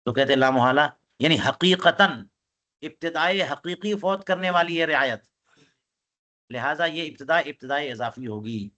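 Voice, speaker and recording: A man's voice: a little high, bright, forceful tone. Urdu-speaking man teaching a religious text. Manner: explains text line by line, asks students questions; reads Arabic passages aloud then explains them. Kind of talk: classroom text commentary.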